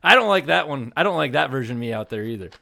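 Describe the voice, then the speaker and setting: A man's voice: medium pitch, animated, very fast, gravelly, bright, forceful tone. A man in his thirties co-hosting a podcast, chatting casually, laughing often and swearing. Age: 30s. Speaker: podcast co-host. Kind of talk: casual chat.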